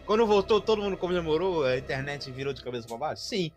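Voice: mid-range voice, animated, quick pace, faint music behind. A speaker, chatting casually and expressively with slang on a podcast. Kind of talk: casual chat.

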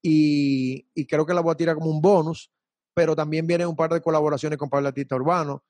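A young man talks in a loose, slangy way, often repeating himself as he makes his point. His voice sits a little high for a man. The sound is dry and close. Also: steady tone, a little fast, a little mellow, no echo. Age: young adult. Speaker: salsa singer guest. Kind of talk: casual interview chat.

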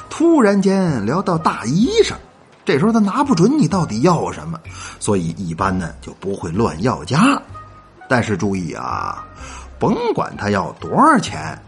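A man hosting a comic folk-tale show, chatty and playful, dropping rhythmic verse and asides to listeners. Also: mid-range voice. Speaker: storyteller host.

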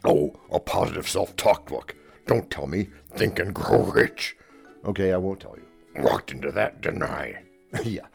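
Deep, gravelly man hosting a podcast. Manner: wry, theatrical, playful asides. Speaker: podcast host. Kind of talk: scripted comedic podcast talk.

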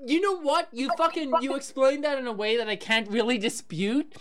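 A Canadian podcast host chatting casually, profane and quick to laugh as he questions his guest. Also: sits high. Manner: conversational, profane, laughs easily.

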